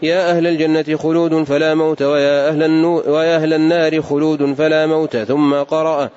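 A man reading hadith text aloud in a steady, formal recitation in a large mosque. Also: on the high side, brisk, clean tone, highs cut off.

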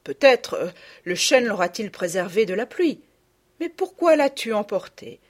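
A woman voicing a gentle but firm mother who speaks in an earnest, admonishing way, in a storybook reading. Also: medium pitch, sing-song, unhurried.

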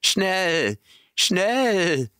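A man voicing a cynical old male donkey in an audiobook, shouting urgent warnings. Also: sits high, big pitch swings, extremely slow, smooth, no echo, clean studio sound, voice pushed up, heavily acted. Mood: alarmed.

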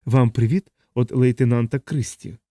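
A man voicing a shy, nervous young army chaplain who speaks in a halting, apologetic way. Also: medium pitch, fairly even intonation, mellow, no room sound, studio quality, lightly acted.

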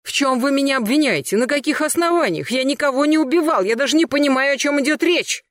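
A reader voicing an agitated male suspect who shouts and protests his innocence under interrogation. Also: high voice, lively intonation, fast talker, dry recording, studio quality, pitched above the performer's own voice. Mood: indignant shouting. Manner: shouting, indignant, defensive. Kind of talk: audiobook character voice.

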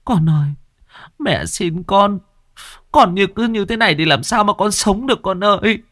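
A man's voice: sits high, normal speed, fairly bright tone, dry recording, studio quality, pitched above the performer's own voice. A man voicing an old mother who tearfully implores her grieving daughter. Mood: imploring.

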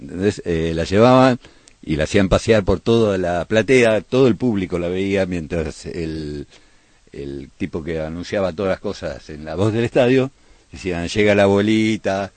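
A man's voice: deep voice, animated, normal speed, a little mellow, no echo. A man with an Argentine accent, a radio host telling playful football crowd stories in casual chat. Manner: playful, chanting bits of crowd songs in his stories.

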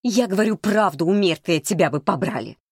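A man reading a storybook voices a fiery, indignant young girl with a sharp, defiant manner. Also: mid-range voice, unhurried, creaky, no echo, studio quality.

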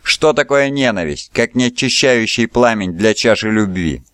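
A man voicing a defiant, calculating young man held as a slave, calm and mocking. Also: on the low side, normal speed, smooth, dry recording, clean studio sound.

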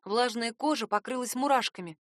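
A woman's voice: a little high, a little fast, no room sound, studio quality. A woman narrating a first-person audiobook in a tense, dramatic reading.

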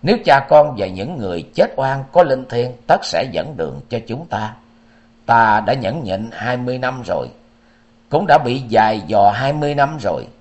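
A man's voice: mid-range voice, lively intonation, moderate pace, natural voice. Man playing grieving noble mother, choked, sorrowful. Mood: grave. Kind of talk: storybook narration.

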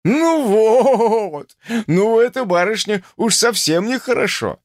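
A man's voice: sits high, expressive, slow pace, dry recording, studio quality, voice pushed up. A man doing a breezy, condescending professor. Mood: mock scolding. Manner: breezy, patronizing, as if to small children. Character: cheerful indifferent condescending male professor doctor.

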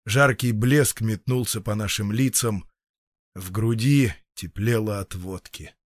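A man's voice: on the low side, takes it slowly, no echo. Man reading a story aloud, dry sound. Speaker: narrator. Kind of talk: audiobook reading.

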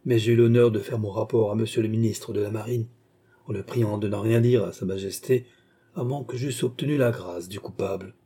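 A man's voice: lowish voice, fairly even intonation, fairly quick, warm tone, breathy edge. A man reading an audiobook who voices a respectful, earnest veteran admiral, formal and pleading before his king. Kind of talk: audiobook character voice.

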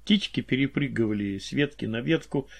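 A man reading scripted audiobook narration in a calm, descriptive way. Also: medium pitch, fairly quick, creaky.

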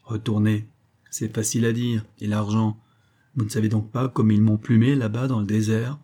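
A man's voice: lowish voice, flat delivery, normal speed, warm tone, natural voice. A man reading the part of a pompous, gullible middle-aged man who gets easily outraged. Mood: indignant. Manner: indignant, exclamatory.

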